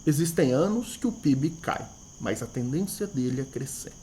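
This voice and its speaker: A man's voice: medium pitch, lively intonation, moderate pace, warm tone, a little hiss or hum. A man teaching a math lesson, thinking aloud, repeating key words and asking himself rhetorical questions, with a Brazilian Portuguese accent. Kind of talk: explanatory video lesson.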